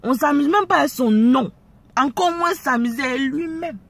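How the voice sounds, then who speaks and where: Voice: high-pitched, moderate pace, creaky, a bit bright. A speaker with an Ivorian French accent giving preachy, confrontational commentary straight to the viewers. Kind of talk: direct-to-camera commentary.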